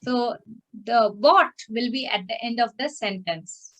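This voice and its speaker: Slow, patient woman teaching online. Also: fairly high pitch. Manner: patient, repeats and checks with "okay?". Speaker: language teacher. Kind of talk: online class instruction. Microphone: video call.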